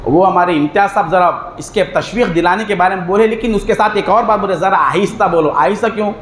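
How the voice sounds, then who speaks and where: A man's voice: high voice, fast talker. A male preacher, delivering a religious sermon full of rhetorical questions, recorded in a mosque hall. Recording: echoey hall with faint noise.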